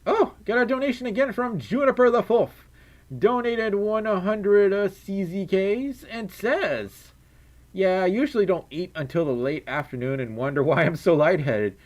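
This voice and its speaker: A young man with a scratchy, high-sitting voice reads chat donations on his livestream at a moderate pace. He is playful throughout, giggling and humming while going over the messages.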